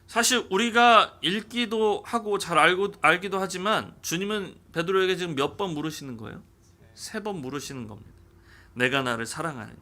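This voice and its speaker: Male pastor, high bright voice, lively sermon delivery with acted-out quotes. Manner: animated, acting out dialogue in quotes.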